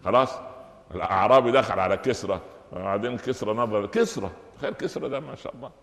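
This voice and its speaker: A man with an Egyptian accent speaks in a fairly low voice, teaching a lively Quran commentary lesson. He keeps asking his listeners questions and answering them himself. His voice echoes around a large hall with a long reverb. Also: fast, creaky. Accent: Egyptian Arabic. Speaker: preacher giving Quran commentary. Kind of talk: lively colloquial religious lesson.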